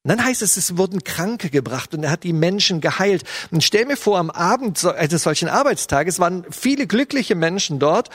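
Middle-aged guy preaching, chatty storytelling, kinda husky voice. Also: high-pitched, animated, normal speed, hardly any pauses, fairly bright tone, no room sound, clean studio sound. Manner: storytelling, imaginative retelling with many fillers. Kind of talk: sermon.

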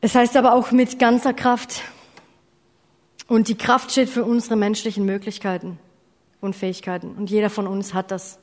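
A woman's voice: mid-range voice, little pitch movement, moderate pace, a little mellow. Woman preaching in a reverberant hall. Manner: earnest, addresses listeners directly with questions; self-correcting, apologizes for slips. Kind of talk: sermon.

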